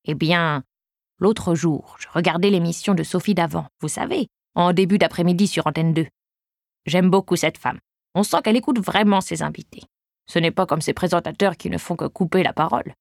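A woman reading an audiobook, voicing a naive, chatty 81-year-old woman who talks in a rambling, gentle way. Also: fairly low pitch, normal speed, vocal fry, no echo, studio quality.

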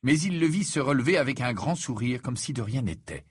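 A man reading a novel aloud as audiobook narrator, measured and expressive. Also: medium pitch, slightly rough, no room sound, studio quality. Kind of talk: scripted narration.

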